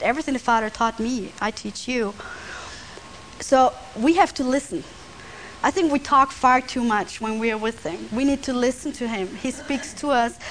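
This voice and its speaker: Woman preacher, high voice, conversational sermon, soft hushed passages, faint background hiss. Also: low-quality recording. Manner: conversational, drops to near whisper on quiet lines.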